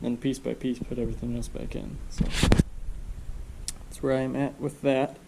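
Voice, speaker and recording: In his home garage workshop, a car restoration vlogger rambles through his work in a relaxed, casual way, using fillers as he thinks aloud. He sounds stuffed-up, speaking at normal speed in a mid-range voice with vocal fry, and the recording is very noisy.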